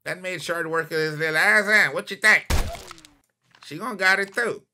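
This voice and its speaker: A man doing loud, excitable let's-play commentary, trash-talking enemies in the game. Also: sits high, normal speed, background noise. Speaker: gaming channel host.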